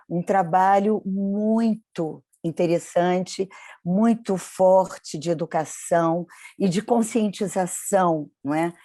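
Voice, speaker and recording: A woman's voice: lowish voice, mellow, no room sound, clean studio sound. A woman hosting an interview, asking long, effusive questions and often repeating words while she searches for her phrasing. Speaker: interviewer, program host.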